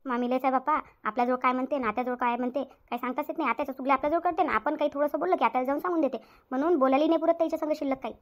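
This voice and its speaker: This woman speaks very fast at a high pitch with fairly even intonation and light acting. She voices a resigned, worried, talkative elder sister-in-law, harried and dutiful, in a domestic Marathi cartoon, using a rural Maharashtrian Varhadi accent.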